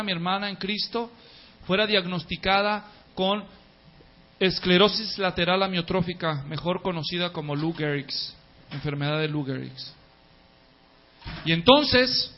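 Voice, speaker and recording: Male pastor, high-pitched, emphatic sermon delivery, dull lo-fi sound. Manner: emphatic, repeats key words in lists, swings from loud to soft.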